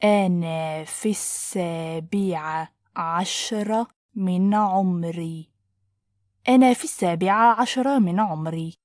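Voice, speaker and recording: A woman language teacher says phrases with great care and very slowly, then repeats them one word at a time. Her voice is soft and mellow. The sound is dry and close, with no room echo. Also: on the low side. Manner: clear, deliberate, splits phrases into single words. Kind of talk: slow word-by-word pronunciation drill.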